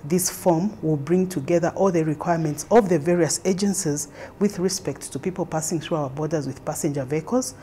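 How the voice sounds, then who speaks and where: A middle-aged Zambian woman, a government trade official, answers on-camera interview questions in an indoor conference room, explaining fluently with occasional fillers. Her deep, mellow voice is brisk, with hardly any pauses. There's slight background noise.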